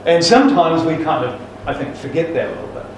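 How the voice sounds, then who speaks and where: Man preacher, folksy and emphatic, higher pitch, distant mic in an echoey church hall. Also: big pitch swings, fast, a little hiss or hum. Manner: folksy joke-telling with restarts, emphatic. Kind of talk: sermon with jokes.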